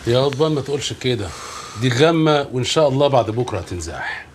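A man's voice: medium pitch, animated, fast, a little hiss or hum, natural voice. An actor playing a loyal friend who reassures a troubled man, speaking with an Egyptian accent. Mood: reassuring. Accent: Egyptian Arabic. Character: loyal friend comforting the captain. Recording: film soundtrack with music underneath.

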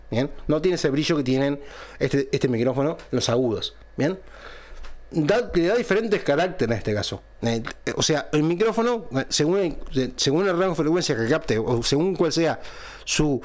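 Man, slightly high pitch, casual tech review, patient explainer, close dynamic mic, home studio. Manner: explanatory, checks in with a frequent "¿bien?". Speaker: channel host reviewing a microphone. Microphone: close dynamic studio microphone through a mixer.

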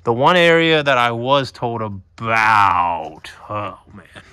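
A man's voice: medium pitch, very animated, slow, pushed and bright, clean tone. A man hosting a car-build vlog from his shop, talking casually and expressively with a self-mocking streak. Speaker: shop owner and channel host.

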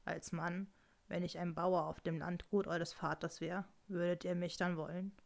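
A woman voicing an amorous king who speaks softly and pleadingly in a slightly lowered voice. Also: fairly even intonation, unhurried. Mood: hushed yearning. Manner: soft, hushed, pleading. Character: amorous king, a man, low and yearning.

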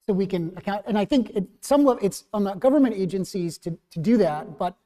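A middle-aged man with a New Jersey accent moderating an academic panel in a measured, thoughtful, self-correcting way. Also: high-pitched, animated, warm tone, long reverb tail.

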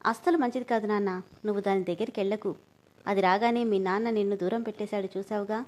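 A woman's voice: medium pitch, fairly even intonation, fast, darkish tone, lightly acted. A woman voicing a spiteful, scheming old grandmother who speaks with bitter scorn. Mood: scornful.

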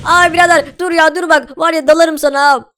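A cheeky sidekick buddy, as a man puts him on, speaking in a high, squeaky voice that chatters along at a quick clip. he is chummy and teasing, always tossing out warnings, like a cartoonish game companion. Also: steady tone, a bit bright. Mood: indignant.

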